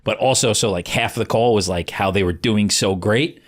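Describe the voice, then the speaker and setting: A man with a New York accent, co-hosting a podcast, relaxed, retelling things he heard with lots of fillers. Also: lowish voice, a little fast. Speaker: podcast co-host. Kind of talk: casual chat.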